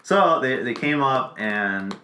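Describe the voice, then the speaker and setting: A man's voice: mid-range voice, expressive, slow pace, bright, forceful tone, reverberant, slight background noise. A man in his twenties hosting a casual podcast, telling stories with lots of swearing and laughter. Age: 20s. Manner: crude, laughing storyteller. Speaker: podcast host. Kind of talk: casual chat.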